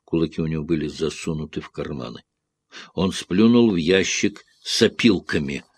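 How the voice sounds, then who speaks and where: A man narrating a literary story in a measured, expressive reading. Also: extremely low pitch, slightly rough, no room sound. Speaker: audiobook narrator.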